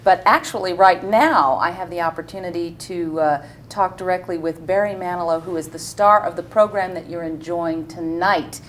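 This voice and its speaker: A woman's voice: on the low side, normal speed, few pauses. A woman hosting a live public television broadcast, interviewing a guest in a polished, promotional way. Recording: distant mic with noticeable noise.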